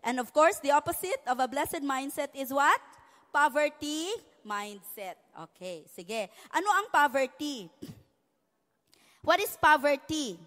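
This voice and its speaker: A woman from the Philippines delivers a sermon in a bright, high voice, hopping between English and local tongues. She keeps checking in with the congregation by ending lines on "no?". Her words ring out with a long church-hall reverb. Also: lively intonation, slow. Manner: tags nearly every phrase with a questioning "no?". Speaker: preacher.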